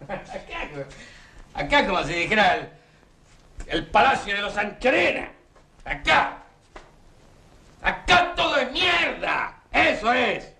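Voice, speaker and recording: A bitter, sarcastic Argentine husband. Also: male voice, sits high, bright, forceful tone, heavily acted. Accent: Rioplatense Argentine Spanish. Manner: sarcastic, scornful, repeats words. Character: bitter, disillusioned working-class Argentine husband. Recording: 1980s film soundtrack, faint hiss.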